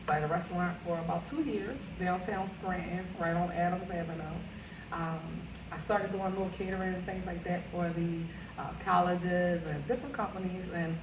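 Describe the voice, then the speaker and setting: A chatty woman from Philadelphia, a caterer and realtor, rambles with plenty of fillers as a guest in a casual interview. Her voice is on the low side, steady, and moderately paced. She's recorded from a distance and off-mic in an echoey room, with noise in the audio.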